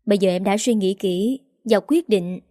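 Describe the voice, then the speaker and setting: A woman voicing a betrayed older aunt who speaks in a flat, controlled way in a storybook reading. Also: medium pitch, normal speed, no room sound, studio quality, lightly acted. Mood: cold. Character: older aunt, cold and stone-still after betrayal.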